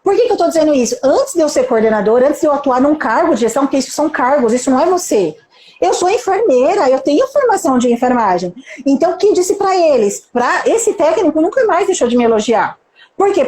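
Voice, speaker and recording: Brazilian nurse leader, high voice, mellow tone, emphatic motivational live talk with faint background hiss. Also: female voice, echoey room. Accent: Brazilian Portuguese. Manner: emphatic, rhetorical questions, acts out quotes. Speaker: nurse manager and mentor, live guest.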